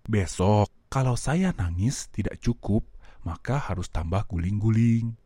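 Musing kid figure, put on by a man, slow deliberate, husky, dry. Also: fairly low pitch, expressive, mellow, dry recording. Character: young child reasoning out how to get his way.

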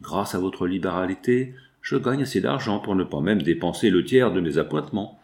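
A man's voice: low voice, moderate pace, gravelly, darkish tone. A man reading aloud and voicing a polite, earnest young man.

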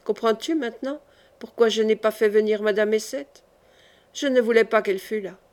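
A woman reading the part of a gentle young man on his deathbed, soft, weary and affectionate. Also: a little high, normal speed, close to an everyday voice. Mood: tender.

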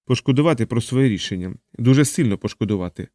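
A calm, cold, commanding man, as the narrator voices him, giving curt orders in a dull bass. He sounds menacing and measured. The audiobook sound is dry and close. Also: no room sound, close to an everyday voice. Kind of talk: audiobook character voice.

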